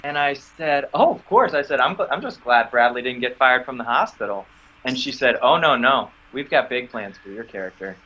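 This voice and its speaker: A male actor, interviewed about his acting work, tells a story casually and at a brisk clip, acting out the dialogue he quotes with sudden high squeaks. He is animated throughout, and the audio has its highs cut off.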